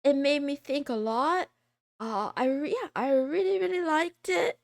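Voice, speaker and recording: A woman's voice: high voice, gravelly, no room sound, clean studio sound. A woman streamer chatting casually through a voice changer, rambling and laughing often as she talks. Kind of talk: casual chat.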